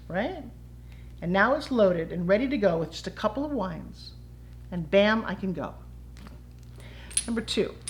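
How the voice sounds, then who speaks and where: Chatty woman instructor, fairly high voice. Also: a bit bright. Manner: chatty, enthusiastic, playful asides. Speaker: brand ambassador and fitness instructor. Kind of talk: instructional demo talk.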